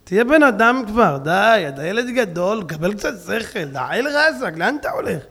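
Brief: male preacher, very high voice, mocking, emphatic sermon delivery, long hall reverb. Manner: animated, mocking, emphatic, acts out jokes.

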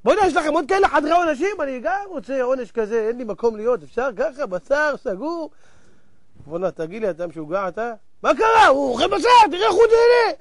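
A man voicing a nosy, excitable male tourist who exclaims in disbelief. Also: very high-pitched, no room sound. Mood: incredulous. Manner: incredulous, exclaiming.

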